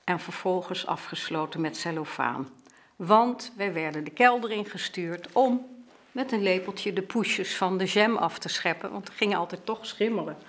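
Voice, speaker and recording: An older woman slowly and lively telling a childhood memory, with many small hesitations. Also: lowish voice. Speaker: storyteller.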